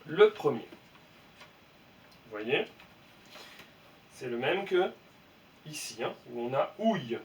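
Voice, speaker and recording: A man teaching a young class to read, slowly and patiently spelling out letters and sounds. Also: mid-range voice, sing-song. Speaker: primary school teacher. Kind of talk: reading lesson for young children. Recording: voice from some distance, faint room noise.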